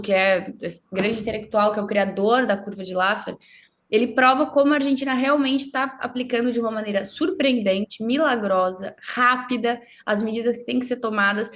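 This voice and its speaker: A woman's voice: a little high, a bit bright. A woman from Brazil, a guest in an interview, explaining her views in a fluent, assertive and emphatic way. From southern Brazil.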